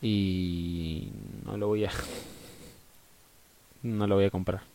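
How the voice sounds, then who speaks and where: A man's voice: sits low, flat delivery, extremely slow, warm tone, a little hiss or hum. A man with an Argentine Spanish accent chatting casually and swearing as a live game streamer, often muttering to himself.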